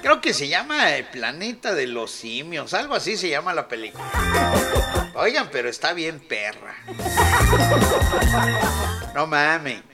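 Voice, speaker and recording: A Mexican man hosts a radio show, taking his time as he retells a story in crude, rambling talk that keeps breaking into laughter. His voice sits a little higher than most men's, and music plays clearly behind him. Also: very animated, a little slow, pauses often. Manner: profane, rambling, laughs often. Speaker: radio host. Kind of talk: casual radio chat, retelling a film.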